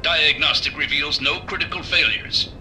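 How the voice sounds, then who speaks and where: A glitching medical robot, announcing procedures and diagnostics in clipped machine phrasing as errors break through. The voice sits somewhat high and cuts with a very bright, sharp edge. Soft game music plays underneath. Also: male voice, steady tone, moderate pace, rough recording. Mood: glitchy procedural. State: malfunctioning, repeating error messages. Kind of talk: video game character dialogue.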